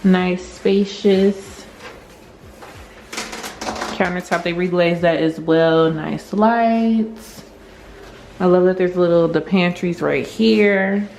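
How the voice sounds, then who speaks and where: A woman's voice: lowish voice, a little mellow, a little hiss or hum. A woman giving a chatty, informal apartment tour to her viewers, her voice carrying a big hall echo from an empty unfurnished apartment. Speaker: vlogger. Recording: echoey empty room with faint music.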